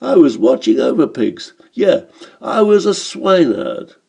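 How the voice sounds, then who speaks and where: A man's voice: on the high side, big pitch swings, unhurried, gravelly, a little mellow, slightly rough, pitched above the performer's own voice, exaggerated voice. A man voicing a boastful, sly middle-aged German swindler in an audiobook story, talking with a chuckle.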